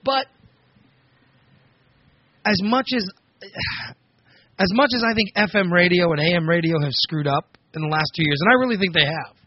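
A man's voice: sits high, moderate pace, pauses often, no room sound. A man hosting a casual comedic internet talk show, rambling and interrupting himself as he chats. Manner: rambling, self-interrupting, chatty. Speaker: show host. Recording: dull lo-fi recording.

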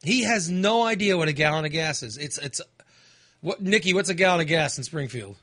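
An American man hosting a casual radio chat, rambling and halting, with frequent fillers and restarts. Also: fairly high pitch, animated, fairly bright tone, no room sound, studio quality. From United States. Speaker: radio host.

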